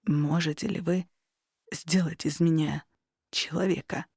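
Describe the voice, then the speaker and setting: A hesitant male android starship captain, voiced by a woman reading a story aloud, pitched low and spoken softly with a halting, uncertain delivery. The sound is dry and close. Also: no echo.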